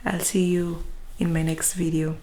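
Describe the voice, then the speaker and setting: A young woman with a Kenyan accent chats to her viewers in a casual vlog. Her voice sits a little low, and she is lively, slipping now and then into whispered asides. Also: measured pace. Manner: chatty and animated, with frequent whispered asides. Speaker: vlogger. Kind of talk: casual vlog talk to camera.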